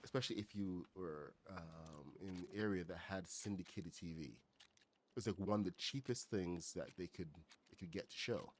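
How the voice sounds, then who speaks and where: A man's voice: deep voice, normal speed, slight background noise. A middle-aged man from Barbados chatting casually and rambling with many fillers while he streams a building game. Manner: rambling, filler-heavy, greets chat loudly. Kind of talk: casual gaming livestream chat.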